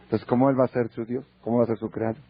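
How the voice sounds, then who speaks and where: A man with a Mexican accent, a rabbi teaching a Torah class in a lively storytelling way. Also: mid-range voice, racing, a little hiss or hum. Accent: Mexican Spanish. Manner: lively, acts out dialogue. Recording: dull lo-fi recording.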